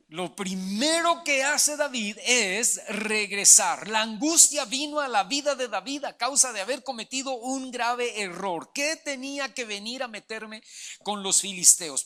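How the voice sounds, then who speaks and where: A man's voice: extremely high pitch, sharp tone. A man preaching a sermon as pastor, emphatic and direct, often calling his listeners brother. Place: church.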